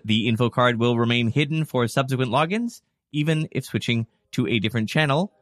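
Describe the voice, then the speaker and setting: A man hosting a news podcast, delivering scripted reports and casual asides as a presenter. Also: medium pitch.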